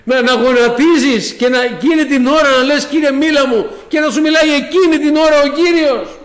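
A man's voice: very high-pitched, roomy sound. A man preaching a sermon with fervour, speaking to the congregation as brothers and sisters and often crying amen and hallelujah. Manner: fervent, peppered with amen and hallelujah; addresses listeners as brothers and sisters.

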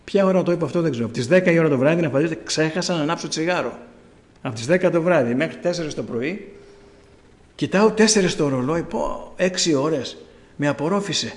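A man speaks to a congregation in a slightly raised register, recounting his own conversion. He tells it as a story and acts out what he once said to himself. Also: on the high side. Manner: storytelling, acting out his own past words. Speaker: church testimony speaker. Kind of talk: personal testimony sermon.

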